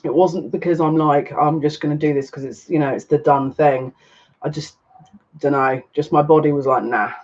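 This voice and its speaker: A man in his thirties, a psychic reader chatting casually on a live stream, excitable and rambling. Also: fairly high pitch, moderate pace. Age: 30s. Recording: dull lo-fi stream audio.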